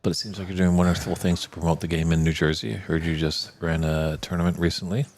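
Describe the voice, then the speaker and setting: A man commentating on a snooker match in a measured, analytical way and interviewing his co-commentator. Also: low-pitched, steady tone, darkish tone.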